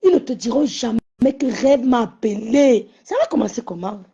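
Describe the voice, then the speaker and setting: A woman ranting mockingly in a casual social media live, with slangy, animated outbursts. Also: a little high, normal speed, breathy edge. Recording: muffled lo-fi sound.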